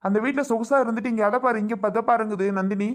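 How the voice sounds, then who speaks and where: A man's voice: sits high, steady tone, fast, lightly acted. A man playing a reproachful, lecturing elderly father-in-law in an amateur family drama skit. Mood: complaining.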